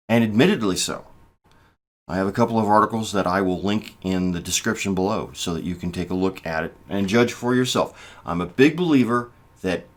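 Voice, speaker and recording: A man in his fifties talking through political commentary to the camera, measured and halting, with restarts and emphatic stresses. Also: fairly low pitch. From United States. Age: 50s. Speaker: political vlogger. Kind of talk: casual spoken commentary.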